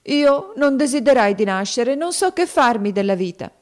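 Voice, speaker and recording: A woman's voice: on the high side, a little slow, mellow, pitched above the performer's own voice, close to an everyday voice. A woman voicing a grief-stricken young girl who sobs and wails in desperate, wild lament. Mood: sobbing despair. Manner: desperate, wailing, sobbing.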